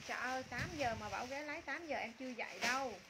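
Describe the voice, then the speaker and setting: A woman's voice: high-pitched, fast, heavy background noise. A woman in her thirties selling clothes live, with informal, repetitive sales patter aimed at customers. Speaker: live-stream clothing seller. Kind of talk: live sales chat, pitching items and calling out customers. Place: small indoor room with curtains.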